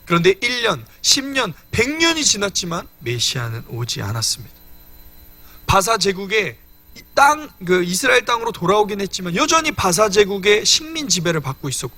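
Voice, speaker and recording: Bright, lively-voiced young male preacher. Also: sits high, a little fast. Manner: earnest teaching, addresses congregation directly. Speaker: evangelist preaching. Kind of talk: sermon.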